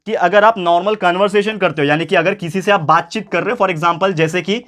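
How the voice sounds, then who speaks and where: A man tutoring a school science class, talking to viewers as friends, repeating key points and speaking a little louder than normal to stay clear. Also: sits high, a little fast. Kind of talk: online science lesson.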